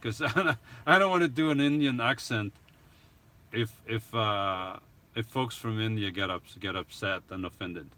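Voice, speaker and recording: On the low side and at a moderate pace, his voice carries a sharp tone. This middle-aged, foreign-accented YouTube host rambles while replying to live chat, often chuckling and beginning his sentences over.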